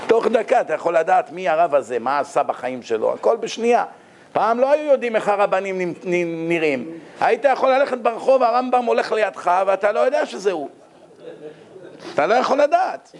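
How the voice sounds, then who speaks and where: A man preaching a sermon as an animated storyteller who acts out the voices in his tales. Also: high-pitched.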